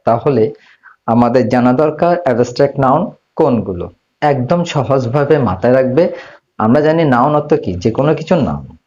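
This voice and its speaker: A man's voice: mid-range voice, warm tone. Man teaching English grammar. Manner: asks questions and answers them himself; slows down to spell out English words. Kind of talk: grammar lesson. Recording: slightly dull lo-fi audio.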